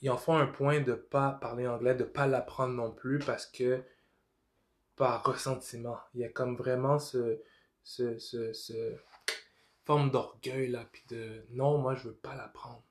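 A man's voice: medium pitch, little pitch movement, unhurried. A man with a Québécois French accent in a casual conversation, slipping into English with frequent restarts. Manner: code-switches into English, many restarts. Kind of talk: casual chat.

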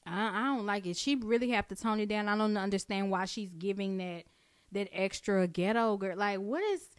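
A woman's voice: medium pitch, moderate pace, clean tone, no room sound, clean studio sound. A woman co-hosting a casual chat podcast, blunt and slangy, laughing often. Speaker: podcast co-host.

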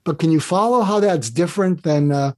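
A man's voice: on the high side, fairly quick, a little mellow, dry recording. A man speaking as a podcast guest, earnestly guiding the listener through an exercise and often repeating words as he restarts his phrases. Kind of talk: casual interview talk.

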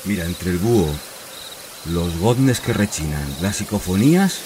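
Guy cohosting a radio bit, lowish voice, slangy mock-scared banter, crickets loud in the back. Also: lively intonation, measured pace, noisy background. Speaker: radio show co-host. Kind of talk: comic scripted radio sketch.

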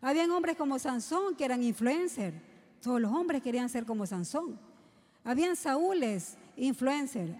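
A woman's voice: high voice, darkish tone. A woman preaching a sermon to young people, asking the congregation rhetorical questions. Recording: long hall reverb.

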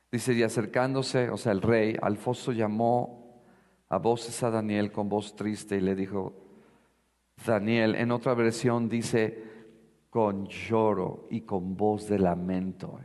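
A man's voice: on the low side, little pitch movement, takes it slowly, darkish tone, big-room sound. A male pastor preaching a sermon. He mixes Bible reading with emphatic asides and questions to his congregation.

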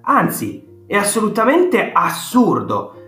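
A man voicing an excited ninety-six-year-old grandfather who tells stories with eager, emphatic exclamations, in a roomy audiobook recording with faint guitar music. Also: high-pitched, takes it slowly, pitched above the performer's own voice, exaggerated voice. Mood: enthusiastic.

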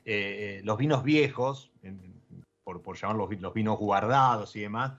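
A man's voice: on the low side, moderate pace, fairly bright tone. Hesitant Argentine man chatting about wine. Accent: Argentine Spanish. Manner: hesitant, many fillers and restarts. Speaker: wine show host. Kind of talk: casual chat about wine. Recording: dull lo-fi audio.

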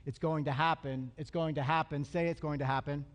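Pastor, male, high-pitched, punchy repetitive preaching, long hall reverb. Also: steady tone, a little fast. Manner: emphatic, repeats phrases for effect. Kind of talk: sermon.

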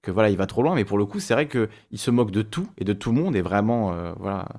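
A man with a somewhat low voice gives his opinion in a casual discussion. He explains at length in a relaxed way and often trails off with fillers. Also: quick pace.

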